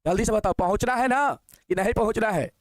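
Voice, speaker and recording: A man teaching a maths exam-prep lesson, coaxing students and asking quick questions. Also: high voice, no room sound.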